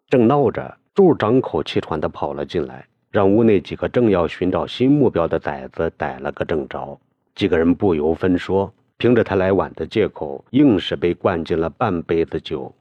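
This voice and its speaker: Deep-voiced male audiobook narrator. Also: dry recording, highs cut off. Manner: storytelling, expressive.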